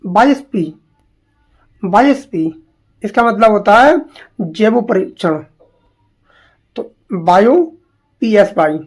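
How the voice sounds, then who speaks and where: A woman teaching English spellings to exam students, repeating each word slowly and asking questions as she goes. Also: mid-range voice, lively intonation, darkish tone, husky. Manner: slow, drilling, repeats words and asks questions.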